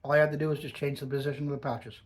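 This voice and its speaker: A man's voice: mid-range voice, little pitch movement, racing. A man giving a casual, off-the-cuff product review with a lip full of dip pouches, savouring and stressing his words as he goes.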